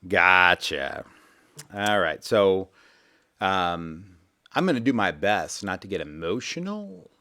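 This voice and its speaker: A man's voice: low-pitched, sing-song, slow, pushed and bright. A man hosting a financial radio show, talking in a rambling, folksy way and repeating his words. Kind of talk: casual radio talk with sales pitch. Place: radio studio.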